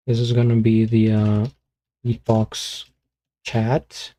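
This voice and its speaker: A man streaming live, chatting casually and muttering to himself as he fiddles with his streaming software. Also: lowish voice, completely flat delivery, slow. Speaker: beatbox streamer.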